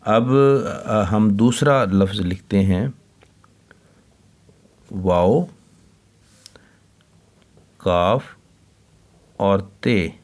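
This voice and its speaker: A man, teaching children to read. He talks at a very slow, deliberate pace in a lowish voice. He spells each word letter by letter and says it twice. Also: a little mellow. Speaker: Urdu teacher.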